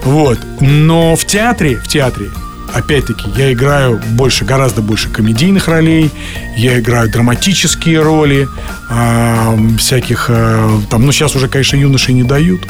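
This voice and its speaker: A man in his fifties chats as a guest in a radio studio, rambling from one joking story to the next. He speaks into a studio microphone, and music plays clearly behind him. His pitch sits in an ordinary middle range. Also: moderate pace. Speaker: actor guest on a radio show. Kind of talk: casual radio interview chat.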